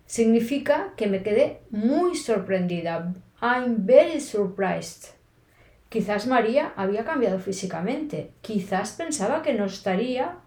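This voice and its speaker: A woman podcast host from Spain teaching Spanish expressions, speaking slowly and clearly with playful, varied intonation. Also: mid-range voice, mellow, echoey room. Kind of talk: podcast lesson.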